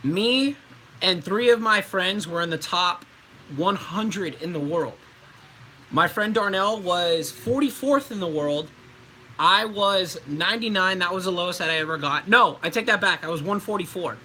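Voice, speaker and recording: Speaking at normal speed, a man hosts a relaxed livestream Q&A about his voice acting, rambling with ums and likes as he answers viewers. His voice is very bright, sharp-edged and a touch high for a man. A little hiss or hum sits under a rough recording.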